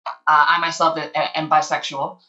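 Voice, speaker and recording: As a panelist on a video call, a woman gives an earnest, somewhat hesitant account of her own experience. Her low-pitched voice is level and sharp-toned, at a normal speed. The call audio is slightly dull.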